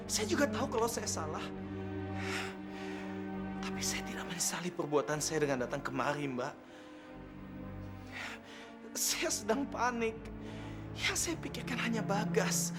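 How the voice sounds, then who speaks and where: An actor playing an earnest young man who is worried and stubborn, speaking formally and pleadingly in a TV drama. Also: sits high. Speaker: Ivan, a young man who left his engagement. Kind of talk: TV drama acting. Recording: TV drama with loud music behind.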